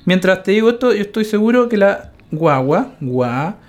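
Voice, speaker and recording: A man's voice: sits high, very animated, moderate pace. A Chilean man co-hosting a podcast, teasing and joking in casual chat, laughing often. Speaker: podcast co-host. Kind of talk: casual banter.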